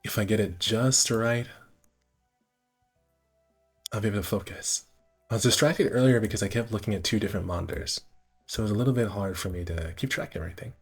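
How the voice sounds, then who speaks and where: A man with a lowish, husky voice reads a visual novel on a stream, speaking briskly but pausing often. His amateur read-aloud includes casual commentary, and he stumbles over words and rereads phrases. There's soft background music.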